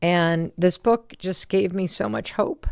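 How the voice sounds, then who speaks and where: Female podcast host, casual and sincere delivery, gravelly texture, dead-dry recording. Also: fairly low pitch, takes it slowly, a little mellow, dry recording. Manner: earnest and heartfelt.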